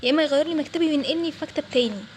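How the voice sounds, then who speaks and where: A woman's voice: high-pitched, racing, a little hiss or hum, natural voice. A woman with an Egyptian Arabic accent voicing an exasperated young bank clerk in a toy role-play story. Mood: annoyed. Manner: exasperated, snapping back.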